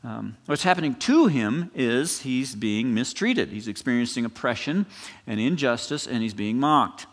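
A man preaching an expository sermon as pastor, conversational and animated, often restarting phrases and checking in with the congregation. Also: mid-range voice, normal speed, long reverb tail.

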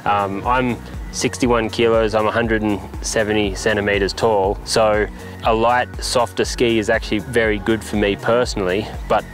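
A man's voice: fairly low pitch, flat delivery, moderate pace, soft background music, low-quality recording. A young man, a ski instructor, casually reviewing skis to camera outdoors, earnest and thinking aloud as he goes. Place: outdoors on a grassy mountain slope by a wooden chalet.

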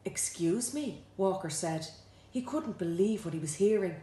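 A woman reading aloud from her own children's book, lively and expressive, jumping higher for the characters' lines. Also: moderate pace, echoey room. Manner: lively, swoops high for quoted characters. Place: home.

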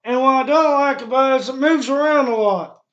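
A man's voice: very high voice, fairly quick, fairly bright tone. A young man giving a casual, blunt video review while talking with chewing tobacco packed in his lip, recorded on a webcam microphone. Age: young adult. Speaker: product reviewer. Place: small bare room indoors. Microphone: webcam microphone at desk distance. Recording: dull lo-fi webcam audio.

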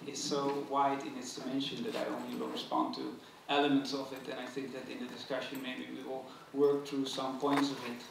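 A man in his thirties with a Dutch accent answers a lecture as a curator in a large museum auditorium, his academic talk thoughtful, hesitant and full of fillers. His mid-range voice is lively and brisk with vocal fry and few pauses. A table stand mic picks him up from a distance in a very echoey hall with a noisy background.

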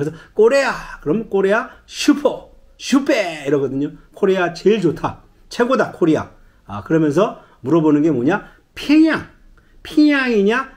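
A middle-aged man talks through a casual language lesson in a high, lively voice. He chats along with plenty of fillers and acts out bits of dialogue. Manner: chatty storytelling with many fillers, acts out dialogue. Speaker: travel guide teaching phrases.

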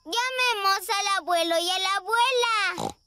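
Eager little pig girl from a cartoon, super high voice, noisy background. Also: a little slow. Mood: affectionate.

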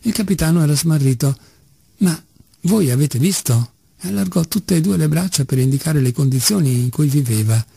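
A man reading a novel aloud in a measured, steady way. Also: fairly high pitch, creaky, husky, dry recording, clean studio sound. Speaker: audiobook reader. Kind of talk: literary narration.

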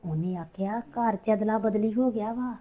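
A woman's voice: medium pitch, close to an everyday voice. Woman playing an evasive scheming Punjabi mother. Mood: defensive. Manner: defensive, talks fast and evasive. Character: scheming middle-aged mother hiding a pawned bangle. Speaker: mother in a family drama. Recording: dull lo-fi sound.

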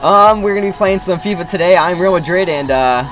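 A teenage boy hosting a gaming channel, giving casual commentary and getting excitable, yelling at the game. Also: high-pitched, a little fast, faint music behind.

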